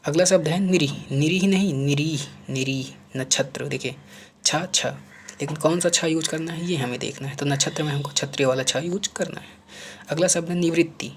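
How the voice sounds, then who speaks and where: A man teaches an exam spelling lesson, repeating each word several times and asking and answering his own questions. He drops to a murmur while writing on screen. His voice is fairly high and fairly quick, with slight background noise.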